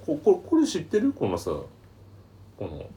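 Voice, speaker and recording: A man's voice: on the high side, wildly swooping pitch, moderate pace, dark tone. A man hosting a radio-style talk show, telling rambling anecdotes in casual chat. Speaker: podcast host.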